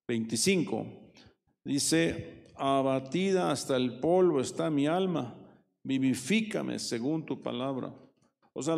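A man's voice: mid-range voice, vocal fry, a little mellow. A man preaching a Bible study sermon, reading verses aloud and explaining them, often adding tag questions and correcting himself mid-phrase. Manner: frequent tag questions and self-corrections, leans into quoted verses. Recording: reverberant hall.

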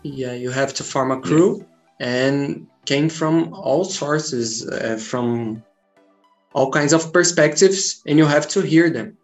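Guy, slowish and halting, chatting as a film guest over music. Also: fairly high pitch. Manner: halting, non-native grammar. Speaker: guest filmmaker. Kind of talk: casual interview answers.

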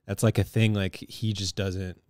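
A man's voice: fairly low pitch, flat delivery, measured pace, darkish tone, dry recording. A man co-hosting a casual podcast, talking loosely with lots of fillers and trailing phrases. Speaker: podcast co-host. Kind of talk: casual chat.

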